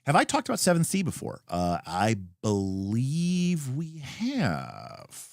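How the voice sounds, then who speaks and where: A man with a medium-pitched, darkish voice, wildly swooping pitch, and vocal fry speaks slowly in a dry, studio-quality recording. Hosting a livestream, he reads and answers viewer comments unscripted, thinking aloud in a rambling, emphatic, opinionated manner.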